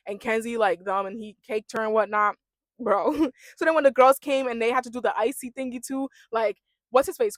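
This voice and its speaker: A young woman giving a casual, animated rant as she recaps a reality show, talking in chatty slang. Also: fairly high pitch, dry recording.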